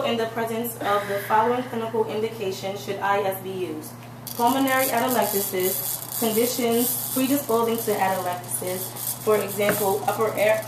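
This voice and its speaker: A woman with a fairly high voice recites formal medical-style instructions as a presenter. She sounds distant from the mic in an echoey room with clear noise. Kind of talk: scripted instructional explanation.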